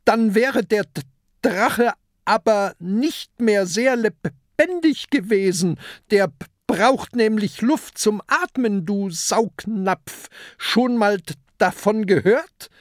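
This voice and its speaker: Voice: medium pitch, slow, no room sound, clean studio sound, voice pushed up, close to an everyday voice. A narrator voicing a small, fearful boy pirate who stutters on the first sounds of words. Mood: scolding.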